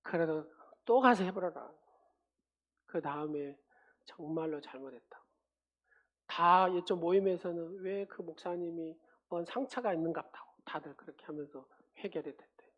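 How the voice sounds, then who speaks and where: A woman's voice: on the low side, normal speed, highs cut off. A woman pastor preaching a sermon at a church service, driving her points home with repeated phrases and questions to the congregation.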